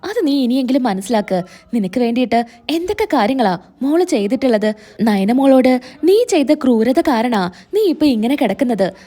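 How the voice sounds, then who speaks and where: Lady reading a stern old grandpa lecturing, mellow voice. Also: high-pitched, big pitch swings, normal speed. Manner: reproachful, lecturing. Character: stern old grandfather scolding his daughter-in-law.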